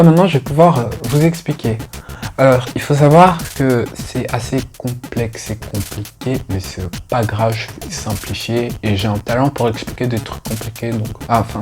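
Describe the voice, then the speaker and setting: A man's voice: mid-range voice, dark tone. Young guy rambling on his vlog, lots of euh and restarts, faint music behind. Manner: chatty, self-mocking, many fillers. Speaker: youtuber. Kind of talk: casual vlog chat. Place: indoors at home. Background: faint background music.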